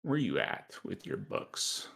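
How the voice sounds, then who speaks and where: Leading a tabletop session, this game master stumbles along with lots of fillers, occasionally mumbling under his breath. His tone is fairly bright.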